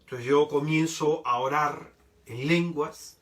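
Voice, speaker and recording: Man, preacher, expressive storytelling, fairly high voice, mic set back a bit. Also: slow, distant mic. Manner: expressive storyteller, rhetorical tag questions. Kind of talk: sermon with testimonies.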